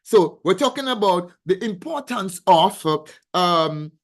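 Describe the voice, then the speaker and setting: A woman financial coach hosting a weekly live stream, reading viewers' comments aloud and answering each one with a stream of yeses and praise. She gets excitable, and her voice leaps upward when she does. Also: lowish voice, unhurried. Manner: effusive, showers comments with repeated yeses and praise.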